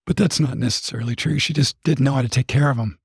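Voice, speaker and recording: Male podcast co-host, very husky and hoarse, casual conversational delivery, close dry sound. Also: mid-range voice, fast talker, a little mellow, no room sound. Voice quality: raspy, hoarse voice.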